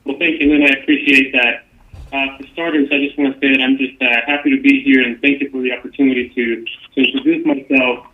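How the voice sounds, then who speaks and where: A man from Honduras introducing himself at a council meeting, earnest and a little hurried with fillers. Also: medium pitch, little pitch movement. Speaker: economic development director. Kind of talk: formal self-introduction. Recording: tinny phone-like sound.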